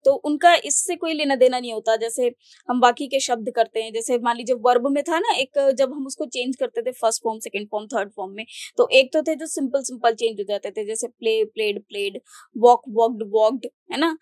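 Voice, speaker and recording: High-voiced woman teaching grammar. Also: a little fast, a little mellow, dry recording, clean studio sound. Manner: explains step by step with frequent "okay?" and "है ना?" check-ins. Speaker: English teacher. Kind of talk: exam-prep grammar lesson.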